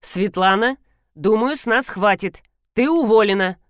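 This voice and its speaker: A woman's voice: mid-range voice, animated, no echo, clean studio sound, close to an everyday voice. A woman reading an audiobook, voicing a strict, composed female workshop owner. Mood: stern. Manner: stern, measured.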